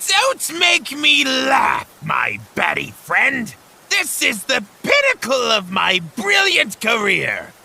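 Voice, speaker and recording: A man's voice: very high voice, gravelly, bright, forceful tone, heavily acted. A man playing a gleeful maniac clown villain in a comic dub, gloating theatrically in a sing-song way.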